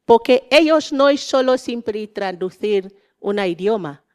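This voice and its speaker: A Nigerian-accented woman giving an informal panel speech in halting, non-native Spanish, often searching for words. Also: fairly high pitch, animated, darkish tone, clean tone. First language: not Spanish. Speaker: panel speaker, activist.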